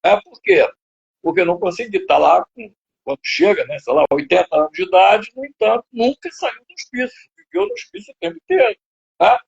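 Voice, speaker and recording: A man's voice: high-pitched, lively intonation, fairly quick, creaky, slightly rough. An older man with a Brazilian Portuguese accent, a psychoanalyst lecturing in a live video interview, rambling with many fillers and tag questions. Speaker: psychoanalyst guest. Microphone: video call. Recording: dull lo-fi web stream audio.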